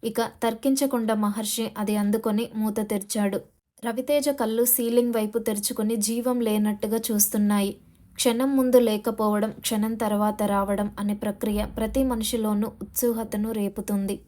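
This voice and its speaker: Female audiobook narrator, warm mellow voice, steady and dramatic reading. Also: fairly high pitch, moderate pace. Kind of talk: scripted novel narration.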